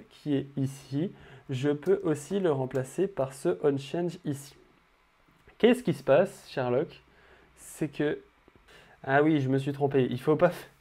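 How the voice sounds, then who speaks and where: In a slightly high, mellow voice, a young man addresses the viewer directly in a laid-back screen-recorded coding tutorial, showing how to build an interface. Fillers pop up often in his speech.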